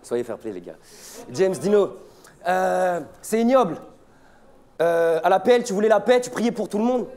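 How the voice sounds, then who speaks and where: A man's voice: high-pitched, lively intonation, normal speed, a little mellow. A young man from Belgium spitting aggressive, taunting rap battle verses without a beat. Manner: aggressive, taunting, punchy delivery. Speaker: battle rapper.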